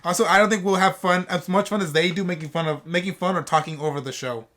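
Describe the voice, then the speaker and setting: A man's voice: sits high, steady tone, fast talker, pushed and bright. Rambling young man hosting a commentary. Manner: rambling, restarts a lot. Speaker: commentary host. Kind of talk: casual chat.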